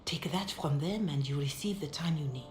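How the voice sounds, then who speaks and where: An actress playing a calm, compassionate middle-aged holy mother in a fantasy video game, speaking in a measured, gentle, solemn way. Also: low-pitched, music in the background, close to an everyday voice. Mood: earnest, persuasive. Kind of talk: dramatic video game dialogue. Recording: roomy echo, background ambience noise.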